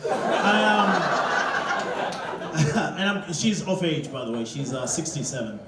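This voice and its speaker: A man's voice: a little high, animated, measured pace, heavy background noise. A man doing live stand-up comedy with a hesitant, self-amused delivery. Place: comedy club stage with audience. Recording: echoey club, loud crowd.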